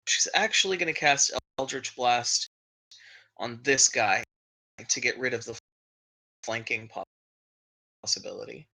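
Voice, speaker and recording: A man's voice: medium pitch, expressive, unhurried, gravelly, pauses often, bright, forceful tone, rough recording. A man playing a tabletop game over a voice call, his voice choppy and cutting out from a bad internet connection, describing his character's moves in the third person. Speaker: player.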